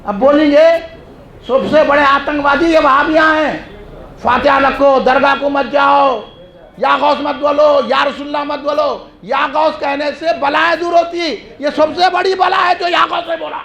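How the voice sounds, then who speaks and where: Preacher man, real high gravelly voice, shouts his refrains in an echoey mosque hall. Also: level tone. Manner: chanting repeated phrases, shouting refrains. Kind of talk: fiery religious speech.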